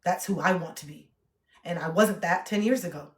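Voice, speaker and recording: A woman's voice: fairly low pitch, moderate pace. A woman in her late thirties, a livestreamer chatting casually and animatedly with her viewers. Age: 30s. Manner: chatty, animated, reacts to chat. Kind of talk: casual chat to a live chat. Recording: echoey room.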